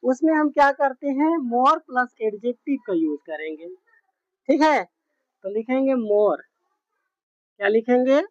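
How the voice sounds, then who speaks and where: A woman teaches a grammar lesson at an unhurried, deliberate pace, repeating each word and spelling it out letter by letter. Her voice sits a little high. The recording is dull and muffled, with a close, dry sound. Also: expressive, dry recording. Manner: slow, repetitive, spells words out letter by letter with frequent check-ins.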